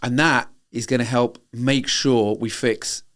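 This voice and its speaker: A man's voice: mid-range voice, fairly even intonation, measured pace, a bit bright. A man from Britain co-hosting a tech podcast, explaining things in a matter-of-fact, casual way. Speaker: podcast co-host. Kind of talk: casual chat.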